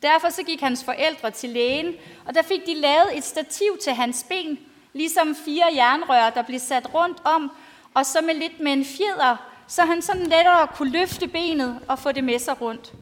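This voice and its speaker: A woman pastor giving a storytelling sermon to a congregation in simple, plainly spoken language. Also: sits high. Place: large reverberant church, speaking to a congregation. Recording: long church-like hall reverb.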